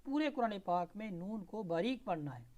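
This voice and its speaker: A man teaching Tajweed, spelling out and reciting verses slowly syllable by syllable, then explaining the rules in brisk asides. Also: sits high, sing-song, a little mellow. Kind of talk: Tajweed lesson with slow recitation.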